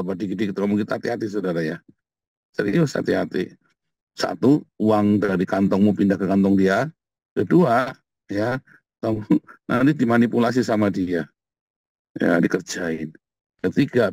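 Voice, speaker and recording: A man's voice: lowish voice, no echo. Blunt, repetitive male preacher. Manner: blunt, colloquial, emphatic repetition; swings between quiet asides and loud outbursts. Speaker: pastor. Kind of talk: casual morning sermon.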